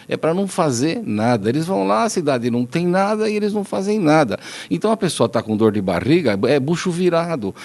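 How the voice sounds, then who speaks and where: A Brazilian doctor talks fast and heatedly on a podcast panel. His voice has a gravelly fry, and his pitch swings widely as he hammers his points home. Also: darkish tone. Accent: Brazilian Portuguese. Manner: indignant, emphatic repetitions. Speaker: doctor guest commentator. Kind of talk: opinionated podcast discussion.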